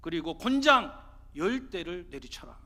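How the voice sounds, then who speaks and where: A man's voice: sits high, very animated, unhurried, exaggerated voice. A man voicing a commanding old-time village magistrate who barks out a verdict. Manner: loud, issuing orders.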